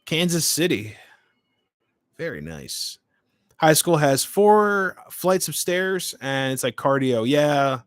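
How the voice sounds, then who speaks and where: A man's voice: fairly high pitch, big pitch swings, slow, no echo, clean studio sound. A man in his late twenties hosting a livestream, chatting informally and hopping between short remarks as he answers comments. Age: late 20s. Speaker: livestream host. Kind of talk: casual livestream chat, reading and answering comments.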